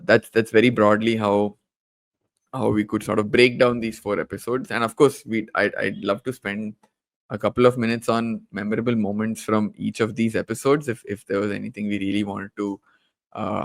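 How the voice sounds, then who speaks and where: A man with a low, gravelly voice talks through a film podcast in a loose, conversational way. He hedges, restarts his sentences and keeps checking in with his co-host, recorded close and dry with no room sound. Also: dry recording. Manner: hedging, frequent restarts and "right?" tags. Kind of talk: casual film discussion.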